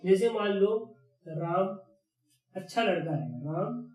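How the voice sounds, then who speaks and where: A man's voice: sits high, lively intonation, slow pace, a little mellow. A male teacher explaining grammar, asking himself questions and repeating key words. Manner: repetitive question-and-answer explaining. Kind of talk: grammar lesson. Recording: echoey room.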